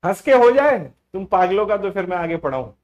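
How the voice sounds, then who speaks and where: A man's voice: sits high, very animated, fairly quick, lo-fi sound. A man teaching a math class who keeps telling the students to stop commenting and listen, moving between Hindi and English in a casual, teasing way. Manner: keeps hushing the class and asking them to listen; switches between Hindi and English mid-lesson. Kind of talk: classroom lecture.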